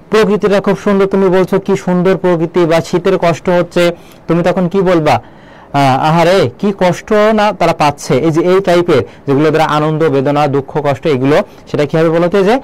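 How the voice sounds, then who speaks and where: A man teaching an online admission-test prep lesson, explaining step by step and firing quick questions at his students. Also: high-pitched, low-quality recording.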